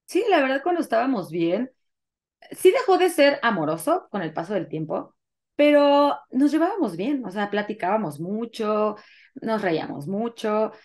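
A young adult woman with a Mexican Spanish accent is a guest in an interview, telling her own story. Her voice is fairly high and her speed normal, and she narrates with animation, acting out the quoted dialogue.

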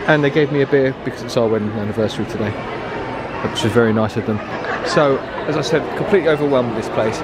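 A middle-aged man films his own vlog with a handheld camera as he wanders a busy resort. He chats with enthusiasm and trails off with fillers. Loud crowd chatter and room noise sit behind him. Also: mid-range voice. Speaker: vlogger, dad. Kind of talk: casual vlog narration. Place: busy resort lounge and restaurant indoors.

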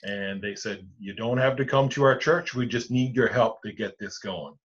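This rector's voice is lowish with a breathy edge. In his forties and speaking Newfoundland English, the Anglican man gives measured interview answers via webcam from a bookshelf-lined home study, walking through church decisions step by step with many restarts, all in muffled lo-fi video call audio.

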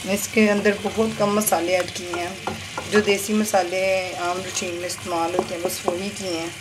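Her voice sits on the low side, with a flat delivery at normal speed, as this woman vlogger casually guides viewers through a home recipe step by step and points things out. Chatty throughout, she repeats "ye dekhiye" whenever she shows a step. Behind her, the home kitchen sizzles and clatters.

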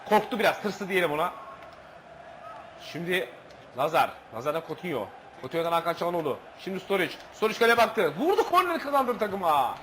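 A man's voice: high-pitched, sing-song, brisk, fairly bright tone, slight background noise, rough recording. A man commentating his own football video game match, swearing, groaning and slipping into mock play-by-play. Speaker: gaming channel host. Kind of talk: gameplay commentary.

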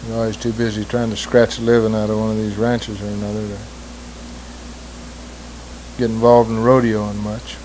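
A middle-aged cowboy poet with an American West accent and a plainspoken twang tells stories and recites rhymed cowboy poetry at a normal speed, pausing often. His fairly low, level voice is a little mellow. The rough, hissy old home-video sound was recorded in a small wood-panelled room indoors.

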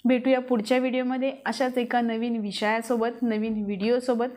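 A woman's voice: a little high, flat delivery, a little fast, a little mellow. A woman talking to parents straight to camera in an earnest advice vlog, asking them many rhetorical questions. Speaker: parenting vlogger. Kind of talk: direct-to-camera advice talk.

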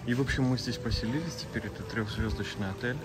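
A travel vlogger talks fast in a mid-range voice over loud music, walking with his phone through outdoor spots and hotel rooms. He treats his viewers like friends and fills his narration with plenty of fillers.

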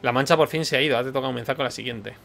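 Brisk Spanish-speaking man reading a game. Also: medium pitch, creaky, noisy background. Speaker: gaming channel host. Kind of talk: reading a text adventure aloud.

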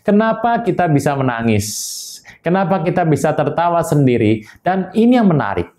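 Male preacher, higher-pitched, emphatic direct address to the audience. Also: very animated, normal speed, a little mellow. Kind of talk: online sermon teaching.

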